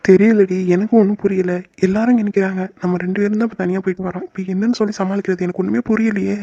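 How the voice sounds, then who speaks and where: Mellow, quick cartoon boyfriend voiced by a man. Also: high-pitched, level tone, no room sound. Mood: worried. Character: young man boyfriend, possessive but tender. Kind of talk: cartoon voice acting. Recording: dull lo-fi dry recording.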